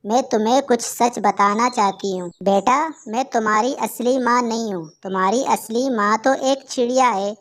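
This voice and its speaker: A woman voicing a tender, ailing mother kite bird in a cartoon, speaking gently and protectively. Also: a little high, normal speed, hardly any pauses, lightly acted. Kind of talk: Hindi cartoon voice acting.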